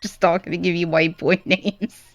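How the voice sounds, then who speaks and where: A woman's voice: lowish voice, level tone, normal speed, dry recording, lo-fi sound, faint music behind. Blunt, swearing woman on voice chat. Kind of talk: casual chat over voice call.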